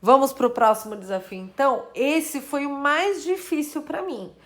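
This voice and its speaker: Woman, teacher, high-pitched, casual video lesson, thinks aloud, counts out loud. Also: normal speed. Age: adult. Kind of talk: casual video lesson explaining math puzzles.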